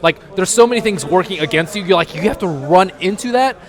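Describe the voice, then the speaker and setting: Dude breaking down the game with his co-host, easygoing, runs through points one after another, kinda high voice. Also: lively intonation, a little fast. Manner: conversational, agreeable, lists points in runs. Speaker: esports analyst co-host. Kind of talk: casual post-game desk analysis.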